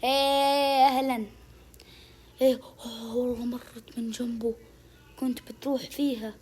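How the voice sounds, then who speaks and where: A channel host giving casual gameplay commentary, urging the game on with quick repeated words. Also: medium pitch, little pitch movement, a little mellow.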